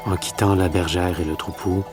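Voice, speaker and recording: An actor narrating as a young shepherd reflecting on mountain life, in calm literary voice-over. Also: male voice, deep voice, moderate pace, close to an everyday voice. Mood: reflective. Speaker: film narrator. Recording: voice-over with loud music behind.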